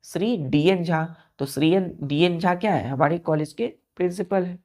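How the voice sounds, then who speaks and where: A woman's voice: fairly low pitch, moderate pace, dark tone. A woman teaching a vocabulary lesson. She spells words out letter by letter and keeps checking that her students are following. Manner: spells words letter by letter, asks "clear?" often.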